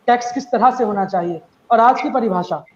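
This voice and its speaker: A woman's voice: on the high side, brisk, reverberant, lo-fi sound. A woman anchoring a TV debate, asking the panelists questions politely and acknowledging them often. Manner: polite, with frequent short acknowledgments.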